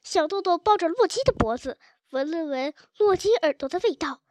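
High-voiced woman reading a storybook. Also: expressive, normal speed, darkish tone, no room sound. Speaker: audiobook narrator. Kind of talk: storybook narration.

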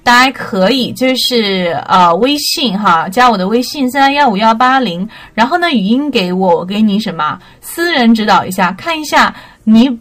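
A woman's voice: a little high, expressive, normal speed, hardly any pauses, a bit bright. A young woman hosting a casual pronunciation lesson, mixing Mandarin with English words and spelling them out letter by letter. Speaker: English pronunciation teacher, podcast host.

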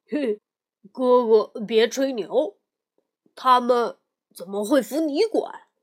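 A woman's voice: fairly high pitch, slow pace. A woman voicing a lazy, grumbling male pig monk in a children's storybook reading. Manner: whiny, grumbling, loud.

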